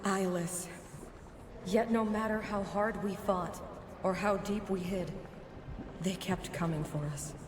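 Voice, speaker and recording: A woman's voice: mid-range voice, steady tone, takes it slowly, long pauses, lightly acted. An actress playing a bitter, warlike female ghost in a video game, speaking in a hard, solemn, resolute way. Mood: grim, bitter. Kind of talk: dramatic video game acting. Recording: echoing hall reverb, clear background noise.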